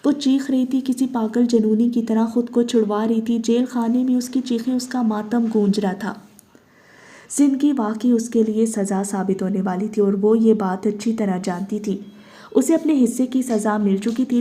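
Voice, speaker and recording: Woman audiobook narrator, expressive and steady, deep mellow timbre. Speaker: novel narrator.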